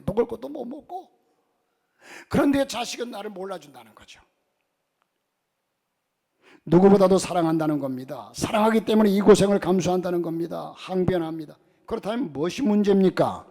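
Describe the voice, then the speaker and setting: A male pastor preaching a sermon in a church, mixing humorous stories into his message and swinging between loud and soft delivery. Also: high voice, gravelly.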